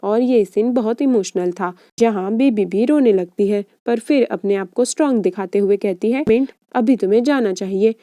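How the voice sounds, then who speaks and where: A woman's voice: mid-range voice, normal speed, few pauses, dark tone, no echo. A woman narrating a romance drama recap in a chatty storytelling way, as a close-miked voice-over. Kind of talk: scripted narration.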